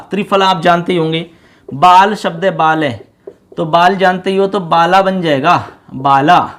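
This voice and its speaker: A male teacher with a high, somewhat bright voice explains a lesson to students, repeating each word and quizzing them along the way. At one point he sings a line of a song.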